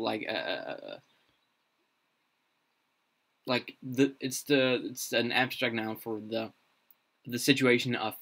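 Speaking at an ordinary mid pitch that's a bit bright, a young native Danish speaker talks slowly and without hurry on his live stream as he builds a constructed language. He thinks out loud, often stalling on fillers and restarting. He's recorded at a desk in a small room.

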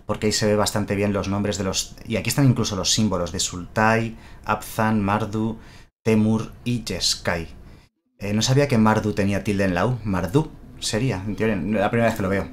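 A man's voice: on the low side, steady tone, moderate pace, a little hiss or hum. A man from chatting casually on a live stream, explaining things and answering viewers' comments.

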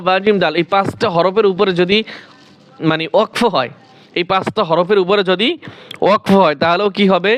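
A man teaching Quran recitation rules in a slow, repetitive lesson. He asks questions, answers them himself, and stretches out recited examples. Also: high voice, clear, resonant tone, dull audio.

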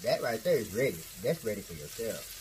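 A man's voice: lowish voice, sing-song, brisk, crowd noise, low-quality recording. A man cooking and serving food during an eating vlog, reassuring and playful, hyping up the food. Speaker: cook and co-host, husband. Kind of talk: casual chat while cooking.

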